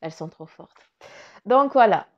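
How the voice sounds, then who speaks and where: A woman's voice: medium pitch, animated, measured pace. A woman giving a casual spiritual card reading, chatty and swearing freely, often dropping to a murmur. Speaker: card reader. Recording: dull lo-fi sound.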